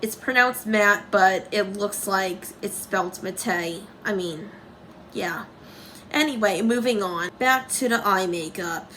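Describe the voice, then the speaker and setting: A woman's voice: mid-range voice, measured pace, pushed and bright, slight background noise, low-quality recording. A young woman talking through a casual makeup tutorial, rambling and commenting on herself, with dry sarcastic asides.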